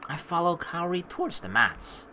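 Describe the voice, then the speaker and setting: This woman's fairly low voice sounds pushed and bright, very animated, at a moderate pace. Playful and teasing, she's a let's player alternating between game commentary and reading out the visual novel's text.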